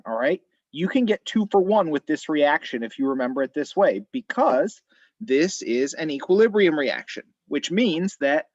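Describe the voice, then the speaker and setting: Relaxed man teaching a chemistry class. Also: on the high side, dry recording, muffled recording. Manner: relaxed, thinking aloud with fillers. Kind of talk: online class lecture.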